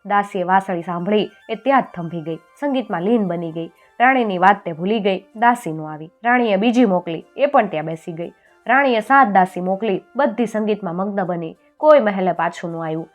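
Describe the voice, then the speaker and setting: A woman's voice: mid-range voice, highs cut off. Woman telling a folk tale steadily. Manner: steady, simple sentences. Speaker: storyteller.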